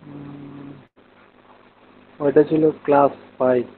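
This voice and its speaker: A man with a Bangladeshi accent teaches a live online coding class very slowly. He explains each step, mixes in English technical terms and asks his students questions. His voice is a little high and level, and the narrow, phone-like audio carries some hiss or hum.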